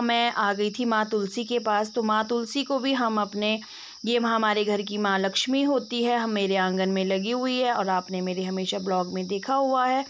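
A young woman vlogging in a casual way, speaking slowly in her voice-over and loudly when she explains a hearing aid to an elderly neighbour. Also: mid-range voice, slight background noise. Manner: slow, devotional narration; loud and repetitive when helping the elderly neighbour. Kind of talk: casual vlog voice-over and chat.

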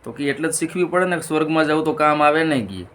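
A man's voice: on the high side, fast talker, fairly bright tone. A middle-aged man, telling a string of jokes in a casual monologue and switching voices for the punchlines.

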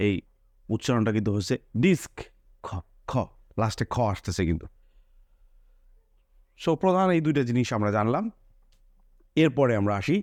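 A man's voice: lowish voice, darkish tone, no echo, studio quality. A man teaching English pronunciation, repeating each example word several times and pointing things out. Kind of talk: spoken English pronunciation lesson.

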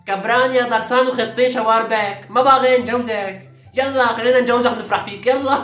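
A man's voice: extremely high pitch, steady tone, fast, fairly bright tone. A man voicing a sly, jovial middle-aged neighbor with a Syrian accent, teasing and dodging questions. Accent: Syrian Arabic. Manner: teasing, boisterous, evasive. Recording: echoey room, faint music.

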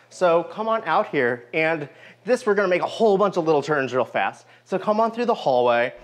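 A man in his thirties leads viewers through an empty old house, pointing out details with eager enthusiasm. His voice sits a little on the high side and is picked up close on a lapel mic. Faint music plays quietly beneath him. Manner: enthusiastic, guiding viewers room to room. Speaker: house tour host. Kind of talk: walking house tour narration.

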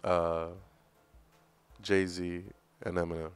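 Low, smooth-voiced man in casual podcast talk. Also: level tone, extremely slow, faint music behind. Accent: New York. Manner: hesitant, thinks aloud with many restarts and fillers. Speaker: podcast co-host. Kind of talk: casual chat.

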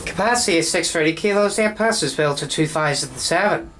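A man's voice: on the high side, expressive, brisk, a bit bright. A man filming with a handheld phone at a train station, narrating an elevator ride and plainly listing its details. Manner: matter-of-fact, lists elevator details. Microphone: handheld phone camera. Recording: noisy station ambience, passing trains.

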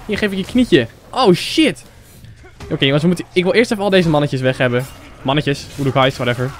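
A young Dutch man giving excitable let's-play commentary, swearing and shouting at the game. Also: a little high, fairly quick. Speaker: gaming YouTuber. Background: game music.

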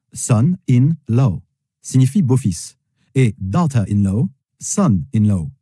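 A man teaching English vocabulary in French, slowly repeating each word three times. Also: lowish voice, mellow, breathy edge, dry recording, studio quality. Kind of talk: language lesson with repeated pronunciation.

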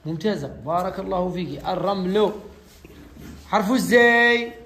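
A man's voice: very high-pitched, normal speed, crowd noise. A male teacher leading a classroom lesson with young pupils. He talks patiently, repeats each letter and praises the answers.

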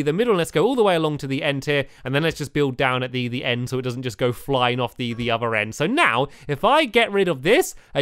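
A young British man giving chatty, excitable commentary while playing a building game, full of fillers and restarts. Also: on the high side, clean tone, no room sound, studio quality. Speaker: gaming video creator. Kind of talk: casual gameplay commentary.

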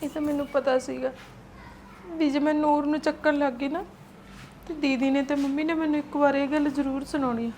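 A woman playing a gentle childless young wife. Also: sits high, steady tone, brisk, a little hiss or hum. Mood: pleading. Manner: pleading, soft-spoken. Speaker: actor. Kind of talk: Punjabi short film acting.

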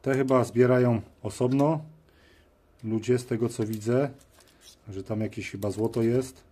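Amid clear background noise and clicks from tools and parts, a man at a cluttered workshop bench indoors keeps up a casual commentary while he works, muttering short phrases to himself. The video host's medium-pitched voice is warm and steady at a normal speed.

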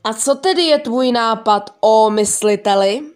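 Brief: woman putting on a frightened schoolboy, panicky, higher voice. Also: natural voice. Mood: teasing. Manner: panicky, shouting refusal. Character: frightened teenage boy Chota.

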